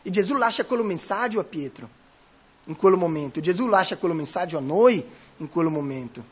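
A man with a high, husky voice preaches a sermon with emphatic rhetorical questions and frequent self-corrections. The recording is dull and lo-fi. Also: expressive, brisk.

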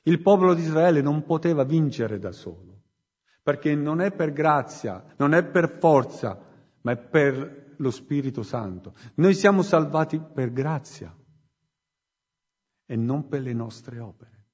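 Preacher, man, higher voice with a husky edge; slow emphatic sermon, muffled and reverberant hall. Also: animated. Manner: slow, emphatic, swings from loud to hushed.

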